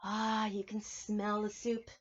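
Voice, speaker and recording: Slow and level, a medium-pitched woman's voice reads a picture book to a group of young children, with dull-sounding audio. She's their preschool teacher, so she explains things plainly and keeps asking them questions.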